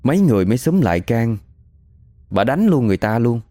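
A man's voice: medium pitch, big pitch swings, a little fast, mellow, no echo, studio quality. A man telling a story in a chatty, matter-of-fact way. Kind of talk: casual spoken storytelling.

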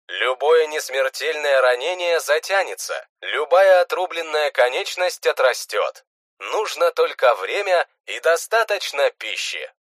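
A magical status screen reads out its character stats, voiced by a male narrator. It moves item by item, but with a lively rise and fall in pitch and a dry, close sound. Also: no echo. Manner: flat, list-like readout.

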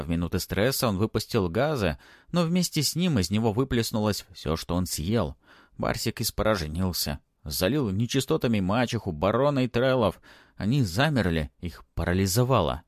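A man reading a fantasy audiobook aloud in an expressive, dramatic way. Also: fairly low pitch, no room sound, clean studio sound. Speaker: audiobook reader. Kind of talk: audiobook narration.

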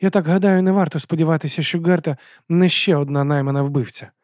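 A man's voice: on the high side, fast, a little mellow, no echo, clean studio sound, pitched above the performer's own voice, lightly acted. A man reading an audiobook, voicing an anxious, earnest woman scientist who speaks urgently and pleadingly.

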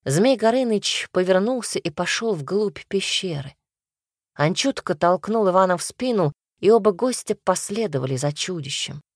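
A woman tells a fairy tale aloud in a low voice. Her reading is steady and expressive. The sound is close and dry. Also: moderate pace, dry recording. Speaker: storyteller.

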